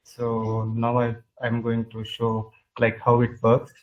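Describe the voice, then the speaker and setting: A man pitching his team's project in a product demo, talking over a video call while sharing his screen, halting and full of filler sounds. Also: completely flat delivery. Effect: video call audio while sharing his screen. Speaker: hackathon team presenter. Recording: muffled video call audio.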